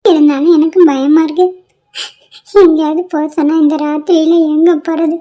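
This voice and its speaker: A woman's voice: high voice, fairly even intonation, normal speed, dry recording, dull audio, close to an everyday voice. A woman voicing a timid young bride in a cartoon, pleading and fearful. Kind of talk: cartoon voice acting.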